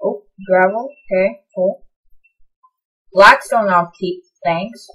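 A young woman giving casual, excitable commentary on her own gameplay, sometimes breaking into high, delighted shouts. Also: slow pace, husky, poor audio. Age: young adult. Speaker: gaming channel host.

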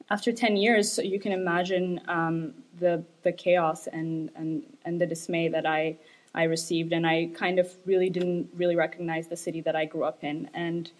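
A young woman from Ethiopia, a graduate student, giving an academic presentation with frequent fillers and hesitations. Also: lowish voice. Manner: hesitant, many fillers, light laughs.

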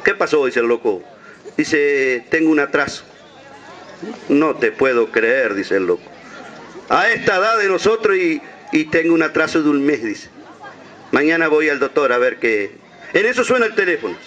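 A man's voice: on the high side, very animated, normal speed, fairly bright tone, highs cut off, a faint crowd. A man with a Uruguayan accent telling jokes on an outdoor stage, chatting with the audience and acting out the dialogue. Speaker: stand-up comedian.

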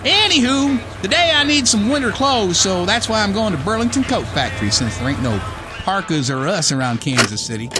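In a radio play monologue, an actor voices a cocky, whiskey-drinking American redneck survivor telling his story in folksy slang and drawling wisecracks. The mood is folksy and wry, his voice high, very animated and brisk, with music playing behind him.

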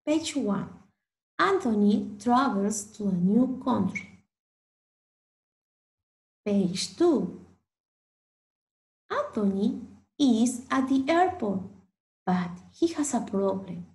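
A woman teaching English to Spanish speakers, reading a picture book aloud slowly and expressively and translating each line. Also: a little high, gravelly, echoey room, rough recording. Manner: slow, exaggerated, expressive reading with Spanish explanations.

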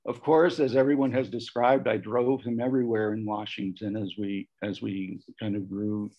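A man's voice: on the low side, moderate pace. Reflective man telling a personal story. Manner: reflective, quotes others with lively voice changes. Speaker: panel guest sharing memories. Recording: muffled lo-fi audio.

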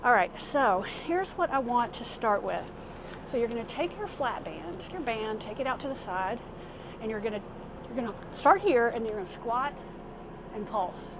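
Higher-voiced woman coaching a workout, noisy background. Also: expressive, moderate pace. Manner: informal, instructing while exercising. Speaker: fitness instructor. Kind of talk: casual workout demonstration. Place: inside a small RV. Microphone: camera a few steps away. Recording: clearly noisy vehicle interior sound.

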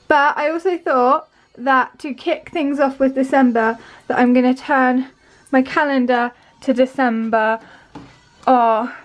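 A British teenage girl vlogging casually at home to a handheld camera, excitable and gushing. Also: sits high. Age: teens. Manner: excitable, gushing, quick to squeal with delight. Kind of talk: casual vlog chat to camera. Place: at home, bedroom and desk.

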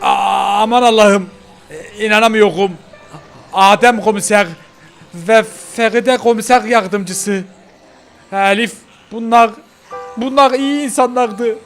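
A man acts out a nervous young local man in a game role-play. He hesitates and trips over his words in a high, sharp voice. Faint music runs underneath. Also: steady tone, takes it slowly, creaky, heavily acted. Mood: anxious. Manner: hesitant, stammering.

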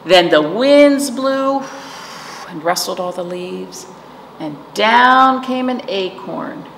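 Seated in a small library room, this middle-aged librarian runs virtual storytime for little ones, reading aloud, sharing rhymes, and asking questions as she explains things simply. She speaks slowly in a mid-range, slightly bright voice with lively intonation. The room echoes and there's noise in the background.

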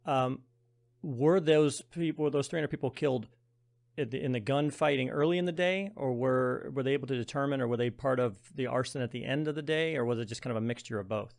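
A man's voice: medium pitch, fairly quick, vocal fry, a little mellow. A man hosting a podcast, asking long, curious questions and correcting himself aloud. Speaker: podcast host. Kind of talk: casual interview questions.

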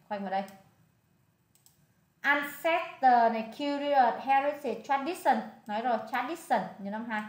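A woman with a Vietnamese accent tutoring a student in English, coaxing and repeating the answers. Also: high-pitched. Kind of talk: one-on-one tutoring session. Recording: echoey room.

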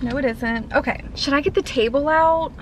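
A young adult food vlogger from North Carolina, with a light Southern accent, talks casually from inside her car to a dashboard camera. She rambles with lots of fillers, especially "like," in a high voice at normal speed, with background noise present.

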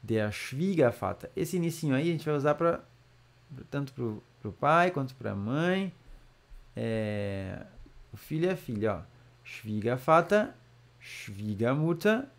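A man teaching German vocabulary in a casual lesson, drawing out each word slowly between chatty asides. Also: mid-range voice, very animated. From Brazil. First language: Portuguese. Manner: slow, drawn-out model pronunciation with chatty asides.

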